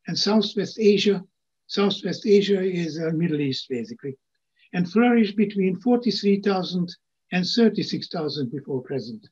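An older man lectures from home over a video call, reading his slides aloud and adding plain asides. His voice sits high, a little mellow with a breathy edge. The video call audio is muffled and lo-fi.

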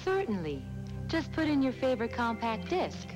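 Lively, courteous help guide. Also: female voice, on the high side, moderate pace, over music. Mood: helpful. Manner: courteous, instructive. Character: polite, helpful female on-screen help guide. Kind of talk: scripted demonstration.

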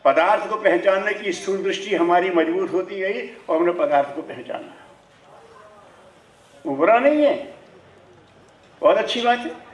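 A man giving a lively spiritual discourse, asking rhetorical questions and chuckling as he makes his points, speaking through a microphone and loudspeaker to an audience. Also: sits high, unhurried, pauses often. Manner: chuckles while making points. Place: ceremony hall with audience. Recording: echoey hall, heard from a distance.

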